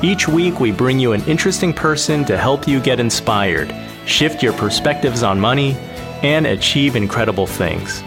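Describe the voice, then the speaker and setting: A man's voice: medium pitch, animated, normal speed, over music. A man hosting a podcast, reading an upbeat scripted introduction and then interviewing his guest outdoors in a park. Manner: upbeat, announcer-like delivery. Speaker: podcast host.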